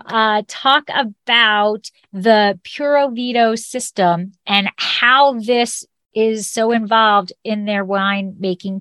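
A woman's voice: a little high, fairly bright tone, no room sound. A woman hosting a podcast, chatting in an upbeat, casual way with fillers and restarts. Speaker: podcast host. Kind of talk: casual interview chat.

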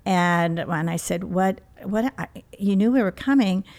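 A middle-aged woman, a therapist, telling a personal story in an interview in a reflective, halting way. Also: mid-range voice, darkish tone.

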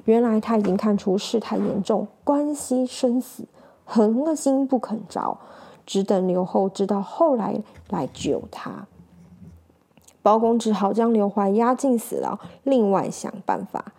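A woman narrates a classic courtroom tale with expressive delivery. Her voice sits in a middle pitch. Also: a little slow, creaky. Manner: expressive, lively storytelling. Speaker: storyteller.

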